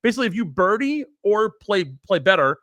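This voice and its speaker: A young adult man, a podcast co-host, casually telling a story, animated and profane, acting out the people he quotes. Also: high-pitched, brisk, no room sound.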